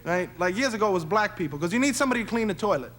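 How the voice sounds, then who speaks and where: A man doing a fast, punchy stand-up comedy set on stage, slipping into funny character voices. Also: sits high, expressive. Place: comedy stage before a live audience. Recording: 1970s TV broadcast with loud crowd noise.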